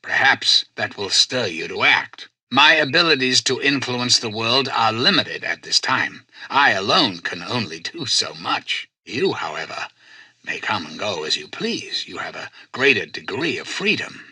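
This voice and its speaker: A male actor playing a self-styled president in a video game, a calculating artificial intelligence who speaks in formal, measured, persuasive oratory. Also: medium pitch, sing-song, bright, forceful tone, husky, no echo, full character voice. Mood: persuasive, earnest. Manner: grandiose, measured, courteous, persuasive. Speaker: president addressing personnel and listeners.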